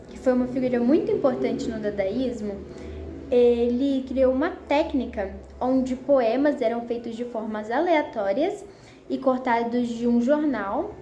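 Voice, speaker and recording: A woman's voice: high-pitched, dark tone. A young woman reading a prepared school presentation in a slightly awkward way. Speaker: student presenter. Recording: echoey room, faint noise.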